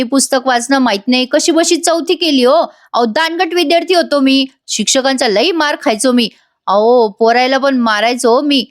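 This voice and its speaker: A woman's voice: a little high, natural voice. A woman voicing a humble, reformed male prisoner who talks in an earnest, apologetic, rustic way.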